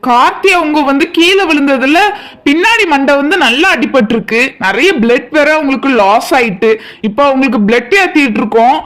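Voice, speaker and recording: Cartoon doctor, calm and slow, high voice, woman voicing. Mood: measured. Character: hospital doctor, calm and measured.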